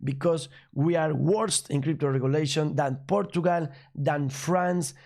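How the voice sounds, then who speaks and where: A man from Spain with a Spanish accent, a native Spanish speaker hosting a news commentary show in an upbeat, emphatic, slightly halting way. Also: on the high side, steady tone, creaky, darkish tone. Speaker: crypto news channel host.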